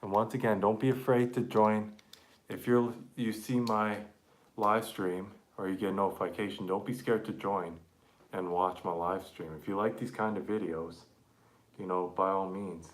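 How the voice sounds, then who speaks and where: A man live-streaming an accordion repair, chatting casually and haltingly to viewers while he works with his hands. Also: low voice, steady tone.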